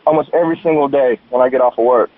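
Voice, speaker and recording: A man's voice: mid-range voice, racing, no room sound. A man calling in to a radio show, eager and deferential toward the host. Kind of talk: phone-in call. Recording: tinny phone line.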